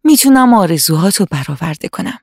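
A woman voicing a wise old magic tree with a sweet, calm voice, speaking slowly and kindly in a storybook reading. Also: lowish voice, dry recording, studio quality. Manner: slow, soothing, kindly.

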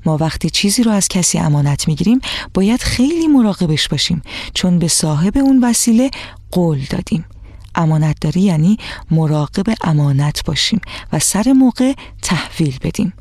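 A woman's voice: lowish voice, big pitch swings, no room sound. A woman radio storyteller reading a children's story, speaking directly to the children. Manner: warm direct address to children. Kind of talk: scripted storybook narration for children.

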